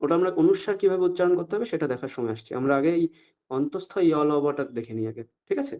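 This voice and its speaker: A man teaching Sanskrit pronunciation in an online class, often stopping to ask if everyone follows and saying the examples out slowly. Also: on the high side, animated, mellow. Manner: asks the class frequent check-up questions, slow deliberate recitation of examples.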